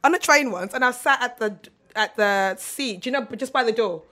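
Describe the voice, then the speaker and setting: A woman's voice: fairly high pitch, fairly quick, bright, forceful tone. A woman with a London accent talking in casual, slangy conversation as a co-host. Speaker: podcast co-host.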